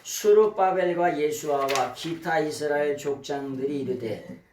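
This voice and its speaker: A man's voice: fairly high pitch, unhurried. A male pastor preaching a Bible study sermon, acting out dialogue and often prompting the congregation with questions. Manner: animated, acts out dialogue, keeps asking "예?". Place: church sanctuary. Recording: echoey room, mic from far, faint noise.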